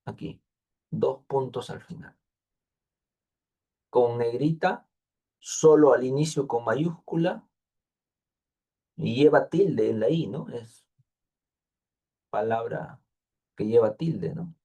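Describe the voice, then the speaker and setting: A man guides his thesis students through formatting rules in a patient, repetitive way, pausing to think aloud. His voice is mellow and dark, with a gravelly edge at the ends of phrases. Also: mid-range voice. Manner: patient, repeats details, thinks aloud with fillers. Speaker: thesis advisor. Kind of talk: online class instruction.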